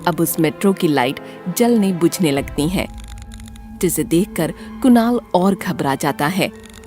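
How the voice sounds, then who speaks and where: A woman with a fairly low voice narrates a scripted horror story a little slowly, dramatic and very lively in pitch. Soft music plays in the background.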